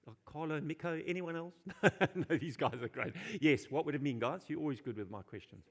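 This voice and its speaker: A male pastor delivering a sermon with a somewhat high, gravelly voice. He talks informally, throws questions out to the congregation and repeats key phrases for weight. The delivery stays conversational and light-hearted, recorded in a church. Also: fairly quick. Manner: informal and jokey.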